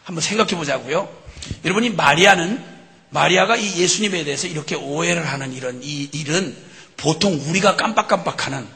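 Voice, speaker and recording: A man preaching a sermon as a missionary, telling the story in an animated way and acting out scenes with chuckles. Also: on the high side, a little fast. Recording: long hall reverb.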